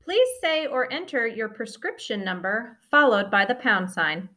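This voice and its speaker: A woman voicing recorded pharmacy phone prompts in a polite, measured way. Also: on the high side, big pitch swings, pushed and bright. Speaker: automated phone menu voice.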